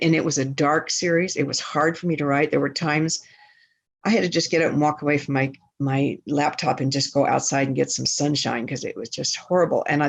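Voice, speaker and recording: A woman's voice: low voice, gravelly, husky. A woman author giving an earnest, conversational talk to a writers' group over a video call. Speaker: guest speaker author.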